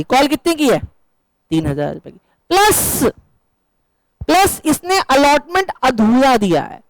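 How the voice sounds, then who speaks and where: Male accounts teacher, very high pitched, dry close sound, playful and questioning with the class. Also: no room sound, rough recording. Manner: joking, quizzing students, mixing English terms. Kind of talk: classroom lecture.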